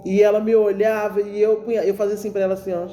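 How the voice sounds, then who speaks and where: A woman tells her religious testimony with emotion, speaking straight to her listeners as brothers. Her tone is warm and mellow, and soft music plays underneath. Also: mid-range voice, level tone, quick pace.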